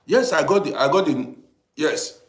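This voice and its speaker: Greeting his viewers by name on a casual livestream, a man originally from Africa, now in Europe, chats and keeps repeating himself. He speaks unhurriedly in a sing-song voice on the high side, and the room is reverberant.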